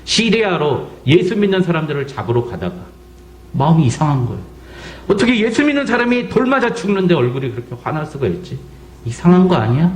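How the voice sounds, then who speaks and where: A man's voice: on the high side, sing-song, fast. A middle-aged man from South Korea preaching a sermon as pastor, acting out quotes and asking the congregation pointed questions. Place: church sanctuary. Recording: echoey church sanctuary.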